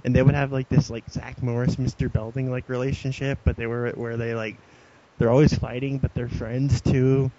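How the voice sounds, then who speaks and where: A man's voice: mid-range voice, little pitch movement, moderate pace, mellow. Rambling young man on a lo-fi podcast. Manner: rambling, laughs often, many "like" fillers. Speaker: podcast co-host. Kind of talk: casual chat. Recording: dull lo-fi podcast audio with faint hiss.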